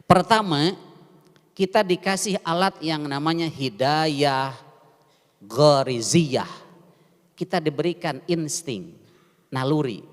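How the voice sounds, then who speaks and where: A man's voice: on the high side, measured pace. A man with a Sundanese accent preaching a mosque sermon, often asking the congregation questions as he teaches. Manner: lively, asks the congregation questions and mixes languages. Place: mosque hall. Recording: echoey mosque hall.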